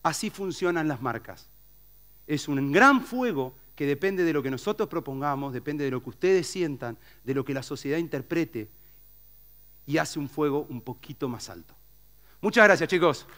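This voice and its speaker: A man's voice: fairly high pitch, normal speed. A man with a Rioplatense Spanish accent giving a storytelling keynote talk at a conference, acting out the characters' voices. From Uruguay. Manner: animated, acts out characters' voices. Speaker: conference speaker. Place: large conference hall.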